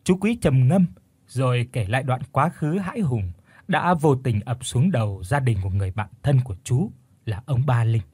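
Man, ghost story narrator, husky tone, measured delivery, dry close recording. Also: mid-range voice, expressive, darkish tone, no echo.

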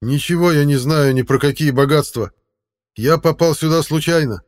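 A man's voice: a little high, normal speed, pitched above the performer's own voice, close to an everyday voice. A man voicing a young male Viking captive who talks in a strained, pleading way. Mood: defensive.

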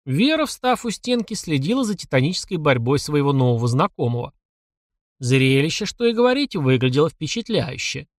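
A man reading a story aloud in expressive scripted narration. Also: on the high side, normal speed, no room sound. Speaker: audiobook narrator.

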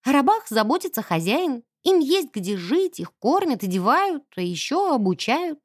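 Brief: spoiled rich young blonde, voiced by a woman, haughty and gossipy, lively high voice, dry sound. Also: moderate pace, no echo. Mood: chatty.

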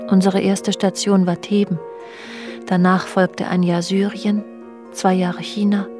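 In a German radio drama, an actress plays a worldly wife confiding in her husband about their restless, jealous marriage, speaking to him directly in a literary, wistful, reflective way. Her mid-range voice is level, measured and close to everyday speech, mixing intimate narration and dialogue, with music playing behind her.

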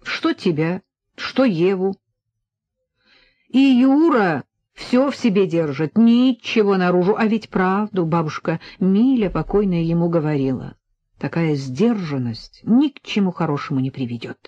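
A woman's voice: fairly low pitch, animated, a little slow, warm tone. A woman reading an audiobook voicing a fussing, exasperated middle-aged mother who scolds and frets. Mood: sighing. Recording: dull lo-fi recording.

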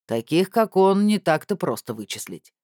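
A man voicing a huge, contemptuous male thug in an audiobook, speaking in slow, low, growling threats. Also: sing-song, a little mellow, dry recording, studio quality. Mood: menacing. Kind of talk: audiobook character voice.

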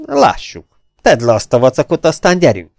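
A man reading aloud, voicing a stocky, hot-tempered older sailor who bursts out in rough, indignant shouts. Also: mid-range voice, huge pitch swings, no echo, studio quality, pitched above the performer's own voice. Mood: angry.

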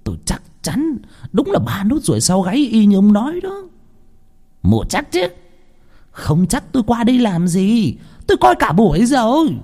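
A man voicing a vicious old woman gang boss who shrieks and curses in a high, strained voice. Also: huge pitch swings, moderate pace, hardly any pauses, a little mellow, full character voice. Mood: excited.

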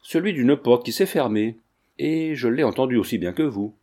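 A man voicing a calm, defiant young peasant who speaks in a steady, unmoved way. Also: mid-range voice, moderate pace, lightly acted.

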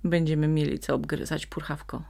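A woman voicing a calm, wily male donkey who speaks steadily and firmly while pretending to threaten. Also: low voice, brisk, creaky. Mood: stern. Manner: steady and firm, feigning menace.

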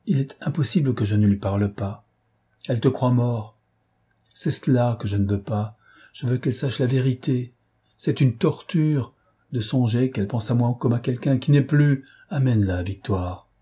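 A man voicing a weary, remorseful gentleman thief in an audiobook, speaking gravely and sorrowfully. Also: medium pitch, moderate pace. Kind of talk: audiobook character voice.

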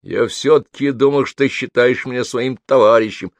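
A man reading the part of a calm, jovial male friend who speaks breezily and confidently. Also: mid-range voice, moderate pace, no room sound, pitched above the performer's own voice, natural voice. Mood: breezy.

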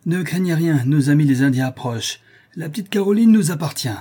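A man voicing a fierce, scheming sailor traitor in a storybook reading, loud and theatrical. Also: a little high, big pitch swings, a little fast, slightly rough, voice pushed up. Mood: furious.

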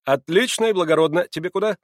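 A male reader puts on a hearty, insistent man, his voice raised high and loud above the reader's own as he coaxes and presses. The sound is dry. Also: fast, dry recording, lightly acted. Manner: emphatic, coaxing. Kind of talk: audiobook character voice.

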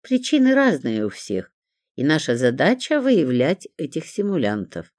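An audiobook reader voicing a weary middle-aged duty nurse who talks in a matter-of-fact, confiding way, in a lively, dry-sounding read. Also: medium pitch, normal speed, no echo. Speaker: hospital nurse. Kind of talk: audiobook character reading.

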